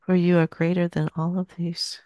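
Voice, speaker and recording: An older woman in her sixties speaks as a seance medium in trance. Her delivery is solemn and very even in pitch, with long pauses between short phrases. The sound is dry and close on a headset. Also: dry recording. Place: small dim indoor room.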